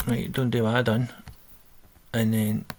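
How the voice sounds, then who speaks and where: A man's voice: mid-range voice, level tone, measured pace, darkish tone, a little hiss or hum. A man talking through a coding exercise on a screen recording, reading out steps and correcting himself as he goes. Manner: thinking aloud, self-correcting, reading instructions. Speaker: coding tutor. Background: keyboard typing.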